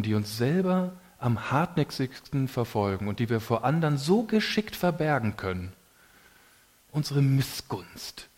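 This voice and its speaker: A man preaching a sermon to a congregation in a casual, colloquial way, with lively emphasis. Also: mid-range voice.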